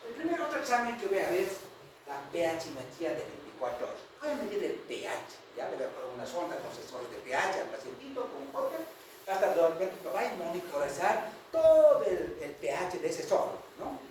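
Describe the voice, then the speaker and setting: Guy teaching med students, lively up and down voice, lots of room echo, noisy distant recording. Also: sits high, brisk. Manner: lively, keeps checking in with "¿ya?" and "¿no?". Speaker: medical lecturer. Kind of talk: university lecture.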